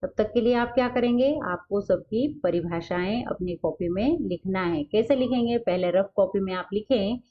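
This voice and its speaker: In a grammar lesson for young children, a woman poses questions and answers them herself, drawing out example words slowly. Her voice sits in the mid range, and the audio is dull.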